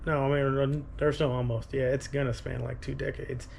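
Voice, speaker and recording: A man in his thirties talking casually to his vlog audience, rambling and thinking aloud in a halting way. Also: mid-range voice, level tone, creaky, a little mellow, slight background noise. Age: 30s. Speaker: running vlogger.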